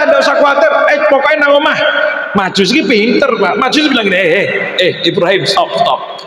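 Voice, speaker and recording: High-voiced preacher in an echoey mosque. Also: male voice. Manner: animated, acts out dialogue with shouted outbursts. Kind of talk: sermon storytelling. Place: large mosque hall. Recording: echoey mosque hall with long reverb.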